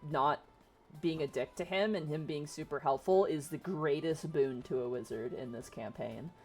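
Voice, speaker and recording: Laughing woman game master, lower voice. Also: moderate pace, a little mellow, soft background music. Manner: laughing, swears freely. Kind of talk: running a tabletop game.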